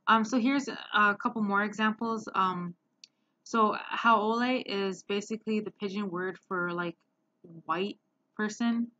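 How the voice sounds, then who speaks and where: A woman's voice: mid-range voice, fairly even intonation, unhurried, bright, forceful tone. A woman presenting slides for a class in a mid-range voice, stopping often on ums and restarting phrases. The sound is dull and slightly lo-fi. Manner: hesitant, many ums. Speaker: student presenter.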